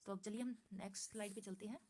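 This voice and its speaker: A woman walks through a grammar lesson from slides. She repeats each point, answers her own questions and reads the English examples slowly and carefully. Her voice sits at an ordinary middle pitch. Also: fairly even intonation, very noisy. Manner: patient, repeats points and asks herself questions. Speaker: English teacher.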